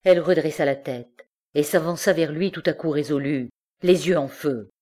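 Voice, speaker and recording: A woman reading a classic novel aloud as an audiobook, in measured, expressive narration. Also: sits low. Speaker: audiobook reader. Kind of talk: scripted literary narration.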